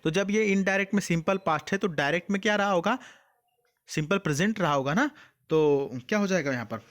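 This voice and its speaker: A male teacher in an exam-prep lesson, with a voice a little high for a man. He explains patiently, poses questions to his students and answers them himself, and reads example sentences slowly, word by word. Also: a bit bright. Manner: mixes English words into Hindi explanation.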